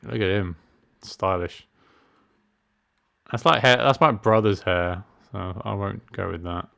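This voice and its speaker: This middle-aged man streams games in a lowish voice that is bright and forceful, with vocal fry, and he takes his time. His let's-play talk is chatty and self-mocking as he reads the menu choices out loud.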